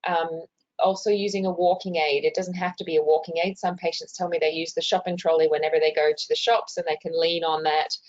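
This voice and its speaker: A woman's voice: sits low, level tone, brisk. An Australian woman giving an informal instructional webinar from a hospital, explaining in a conversational way with some hesitant self-corrections, as a health educator. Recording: muffled, dull webinar audio.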